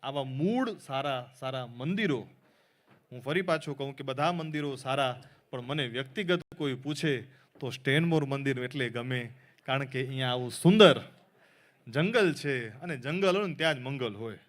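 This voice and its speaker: A man's voice: mid-range voice, moderate pace, a bit bright. A man with a Gujarati accent preaching to a temple audience, telling a story with acted-out dialogue and English phrases mixed in. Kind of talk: Gujarati religious discourse with storytelling. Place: temple hall before an audience.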